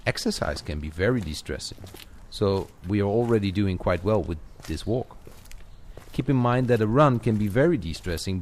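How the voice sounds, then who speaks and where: His voice sits fairly low with a darkish tone as he coaches the listener directly during a conversational walking audio lesson. You can hear outdoor ambience noise and clicks in the recording, layered with added outdoor walking ambience and birds.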